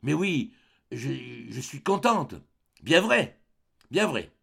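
A man's voice: a little high, big pitch swings, takes it slowly, gravelly, husky, pitched above the performer's own voice, full character voice. A man doing a trembling, shaken mother. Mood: hesitant. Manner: trembling, hesitant, soft-spoken. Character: shaken middle-aged mother, gentle and pained. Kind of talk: audiobook character reading.

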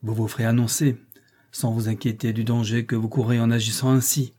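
A man reading an audiobook, voicing a brusque, teasing wealthy gentleman employer. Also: mid-range voice, level tone, fairly quick, close to an everyday voice.

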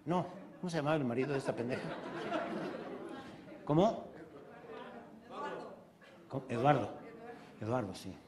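A man's voice: medium pitch, expressive, normal speed, pauses often. A man with a Mexican accent doing crude stand-up storytelling, acting out every character with shrieks and put-on voices. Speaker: stand-up comedian. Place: live comedy show with audience. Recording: live show with loud crowd laughter.

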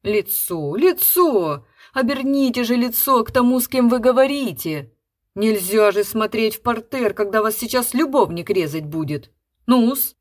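Woman doing a bossy loud theater director guy, snapping at actors, storybook voice. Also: lowish voice, big pitch swings, unhurried, no echo, clean studio sound. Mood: impatient. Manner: loud, barking orders. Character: impatient male theater director, demanding and brusque.

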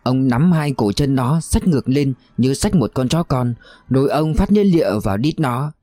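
A man narrating a novel in a steady, even storytelling voice. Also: medium pitch, moderate pace, dry recording.

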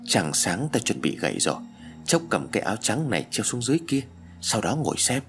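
A man voicing a nervous teenage boy who stammers and speaks in a hushed way. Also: on the low side, very animated, brisk, soft background music.

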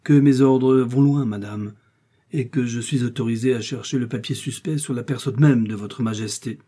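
A man's voice: medium pitch, steady tone, normal speed, dark tone, husky, lightly acted. A man reading the part of an embarrassed royal chancellor, formal and insistent.

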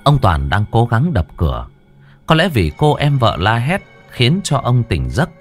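A man narrating a scripted horror story in a dramatic, drawn-out storytelling manner. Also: medium pitch, huge pitch swings. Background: faint music.

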